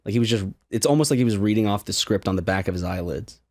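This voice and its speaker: A man's voice: fairly low pitch, animated, fast talker. A man co-hosting a gaming channel, telling absurd stories in a hesitant, stammering way. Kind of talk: improvised banter while gaming.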